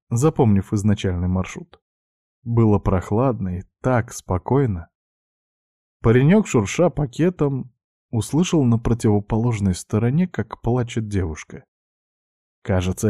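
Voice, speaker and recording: A man's voice: fairly low pitch, dark tone, dry recording, clean studio sound. A man reading a novel aloud as an audiobook narrator, telling the story steadily and voicing each character in turn.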